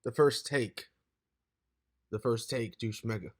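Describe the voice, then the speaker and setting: A man in his late twenties talks in a slightly hoarse, loose and meandering way, as in a casual vlog. He drifts from thought to thought with a middling pitch. He throws in "dude" constantly. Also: slow, background noise. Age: 20s. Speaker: vlogger.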